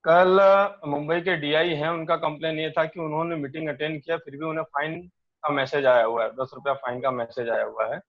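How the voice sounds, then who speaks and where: A man's voice: on the high side, flat delivery, fairly quick. Polite male staffer raising detailed complaints, muffled call audio. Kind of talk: questions on a meeting call.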